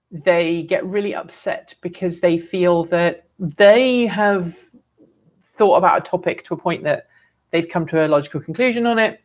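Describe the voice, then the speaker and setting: Chatty English woman, exasperated asides. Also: fairly low pitch. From England. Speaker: host of an electric vehicle show. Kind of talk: casual live-stream chat answering comments.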